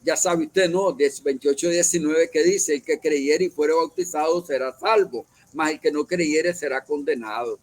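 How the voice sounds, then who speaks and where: Man teaching a Bible study, fairly high voice. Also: normal speed, hardly any pauses, no room sound. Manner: explanatory, many fillers and self-corrections. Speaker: church leader.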